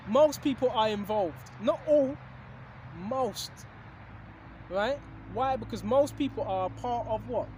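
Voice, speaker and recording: A man's voice: very high voice, darkish tone, a little hiss or hum. A man giving a rambling casual sermon to his video audience, full of rhetorical questions and repeated "right?", hiccuping now and then. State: has hiccups. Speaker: religious video host. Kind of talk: casual preaching monologue.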